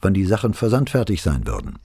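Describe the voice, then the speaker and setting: A man's voice: rumbling low, lively intonation, moderate pace, warm tone, slightly rough, dry recording, clean studio sound, heavily acted. A man voicing a nervous, evasive male foreman being questioned, in a slightly raised voice for an audiobook. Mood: uneasy. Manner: uneasy, evasive.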